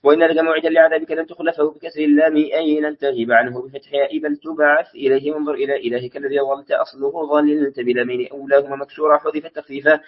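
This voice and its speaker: A man reading Quranic commentary aloud as a religious teacher, in a quick monotone recitation with brief self-corrections, on a dull lo-fi recording. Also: a little high.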